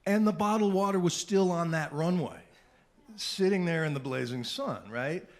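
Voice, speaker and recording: A man's voice: on the high side, moderate pace. Middle-aged man telling vivid stories. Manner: animated anecdotal storytelling with asides. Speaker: panelist, television journalist. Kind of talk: storytelling at a panel talk.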